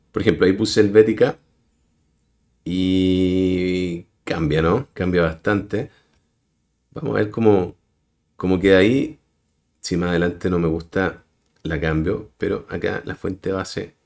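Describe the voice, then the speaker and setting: A man with a low-pitched, darkish voice hosts a screen-recorded web tutorial. Speaking as a voice-over, he explains step by step and addresses his viewers directly.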